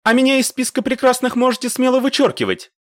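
A woman's voice: high voice, fast talker, dry recording, pitched above the performer's own voice, close to an everyday voice. A man voicing a wry young married woman soldier in an audiobook. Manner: wry, dry.

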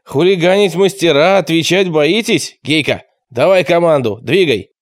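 A man's voice: medium pitch, normal speed, close to an everyday voice. A man voicing a stern, authoritative teenage leader who gives firm commands. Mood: commanding.

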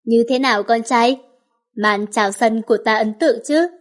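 A woman's voice: on the high side, moderate pace, natural voice. A woman reading the lines of a scheming, mocking old male villain in a storybook. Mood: taunting. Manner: taunting, cold.

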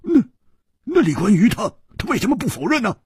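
A male storyteller voicing a brash, boisterous young swordsman who shouts and stammers excitably. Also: sits high, fairly quick, husky, no room sound, clean studio sound, pitched above the performer's own voice, heavily acted. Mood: puzzled.

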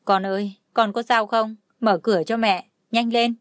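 A woman's voice: a little high, fairly even intonation, moderate pace, no room sound, studio quality, natural voice. Woman playing a scolding, anxious mother. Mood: panicked. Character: anxious, scornful middle-aged mother.

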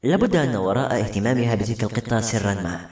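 A man's voice: fairly low pitch, expressive, fast, darkish tone, lightly acted. A man voicing an eager, outspoken young woman, raising his voice for her, in an echoey recording. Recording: roomy echo.

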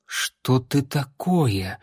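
Indignant young vampire princess, read by a male narrator; sharp, proud, close and dry. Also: medium pitch, very animated, very slow, breathy edge, no echo, heavily acted. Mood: defiant.

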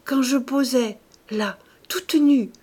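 A woman's voice: high voice, animated, takes it slowly, a little mellow, voice pushed up. A woman voicing a passionate, desperate young lover. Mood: jealous, bitter. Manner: passionate, shifting from fury to tender whispers.

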